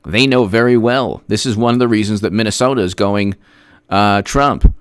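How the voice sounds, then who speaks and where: A man's voice: on the low side, moderate pace, clean tone, dry recording, studio quality. Sarcastic man hosting a commentary stream. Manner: sarcastic, emphatic, rattles off statistics; reads out viewer messages. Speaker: host. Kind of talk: political commentary livestream.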